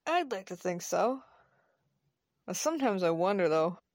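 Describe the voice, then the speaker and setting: An easygoing young man, newly settled in town, talks in a relaxed and wry manner, as a woman narrator reads his part. The delivery is unhurried, in a medium register. The sound is dry and close, with no room around it. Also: medium pitch, no room sound.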